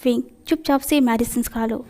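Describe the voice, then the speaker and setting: A man's voice: very high-pitched, normal speed, darkish tone. A woman doing a curt, stern young man. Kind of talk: storytelling in a fan fiction reading.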